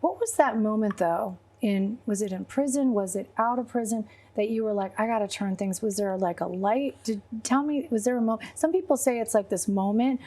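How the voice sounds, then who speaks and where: A woman's voice: medium pitch, moderate pace, hardly any pauses, dark tone. A woman hosting a podcast in a TV studio, upbeat, enthusiastic and chatty with her guest. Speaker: podcast host.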